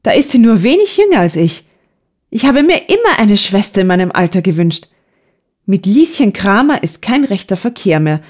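A woman's voice: mid-range voice, big pitch swings, normal speed, voice pushed up. A woman reading a cheerful, eager teenage girl in an audiobook. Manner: eager and bright.

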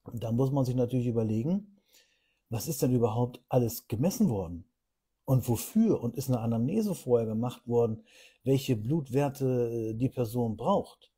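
Husky dark-voiced man explaining casually. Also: medium pitch, normal speed. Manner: chatty, explains with rhetorical questions and repetition. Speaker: health coach. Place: on holiday.

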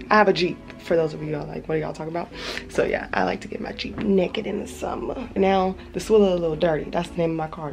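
A woman's voice: medium pitch, a little mellow. A woman in her twenties chatting casually on a vlog, filmed on a handheld camera at arm's length, first indoors and then at the beach. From Los Angeles area, United States. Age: 20s. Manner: chatty and playful, swears casually. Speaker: vlogger. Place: house and garage, then an outdoor beach.

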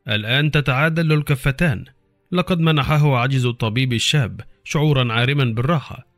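A man's voice: medium pitch, fast talker, fairly bright tone, no echo, faint music behind. A middle-aged man reading a horror story aloud as a dramatic audiobook narrator.

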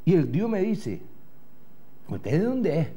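A middle-aged man from Gran Canaria, with a Canarian Spanish accent, hosts a TV show and spins a rambling comic tale, swearing and imitating the other people in it. His voice is a little high, husky and dark-toned, with an unhurried, sing-song delivery. It's a comic in-character monologue, recorded on a lapel mic in a studio in front of a backdrop.

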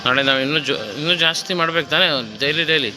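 A man's voice: on the high side, steady tone, quick pace, music in the background, poor audio. A male fitness trainer coaching a client through a gym workout, encouraging her, counting reps and cueing her breathing.

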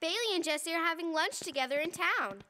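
A woman's voice: extremely high pitch, expressive, fairly quick, sharp tone, slight background noise, full character voice. A woman voicing a catty, conniving teenage sidekick in a cartoon, talking in a sly, snide, teasing way. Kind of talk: animated series voice acting.

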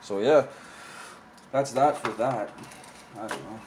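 Speaking slowly in a mid-range, darkish voice, a young man casually comments on old collectible cards in a room at home with a shelf of collectibles. The camera mic sits on the table, catching a little hiss or hum as he talks offhand and often trails off.

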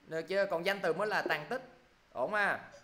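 Male teacher, sharp and fairly high voice, quizzing and scolding his class over a call. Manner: brisk, scolding, quizzing students. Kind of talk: online English class.

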